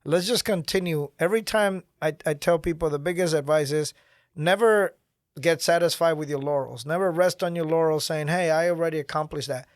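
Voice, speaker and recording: An energetic middle-aged man talks as a podcast guest, his voice sitting a little high for a man. The studio mic gives a close, dry sound with no room around it. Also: brisk, no room sound. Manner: energetic, gestures while talking. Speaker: guest, nonprofit founder. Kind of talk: podcast interview. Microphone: studio mic on boom arm.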